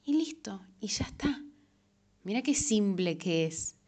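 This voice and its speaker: A woman's voice: mid-range voice, lively intonation, unhurried, warm tone, slightly rough. A young woman with a Rioplatense Spanish accent, chatting casually to camera about everyday habits, with lots of fillers and self-corrections. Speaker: self-help vlogger. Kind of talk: casual advice monologue.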